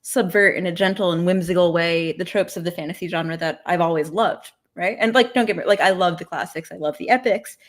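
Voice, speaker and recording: A woman's voice: fairly low pitch, fairly quick, few pauses. Chatty woman author, casual and self-deprecating. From United States. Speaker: author guest. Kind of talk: casual livestream interview chat.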